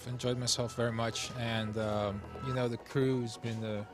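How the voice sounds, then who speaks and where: A man, an actor, talking hesitantly with many pauses in a casual interview. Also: mid-range voice, level tone, music in the background.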